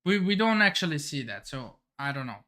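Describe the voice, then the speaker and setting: A man hosting a manga reaction, reading along excitedly and thinking aloud with frequent exclamations and restarts. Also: a little high, fairly quick.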